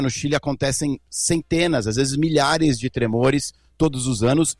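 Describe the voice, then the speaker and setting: A man's voice: a little high, no room sound. A male correspondent explaining a news event precisely in a live report.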